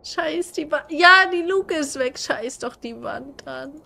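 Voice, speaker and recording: A woman's voice: sits high, slow pace, gravelly, pushed and bright. A young woman giving casual commentary on a horror game she is playing, jumpy and swearing, screaming at the scares. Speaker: gaming streamer.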